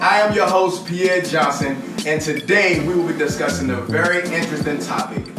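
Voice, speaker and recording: A man hosting a panel talk show, introducing guests with energetic hype and frequent laughter. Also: fairly high pitch. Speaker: host. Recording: echoey room from far off with noise.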